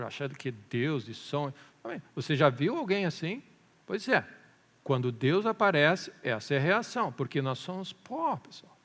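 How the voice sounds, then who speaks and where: A pastor preaching a sermon, telling a story with animation and often asking the congregation "amém?". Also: male voice, fairly high pitch, a bit bright. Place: church hall. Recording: long reverb of a church hall.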